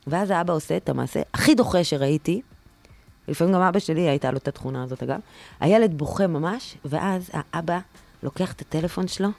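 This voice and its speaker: A woman chatting casually on a podcast, telling stories in an animated, indignant rant. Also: low-pitched, vocal fry, faint music behind.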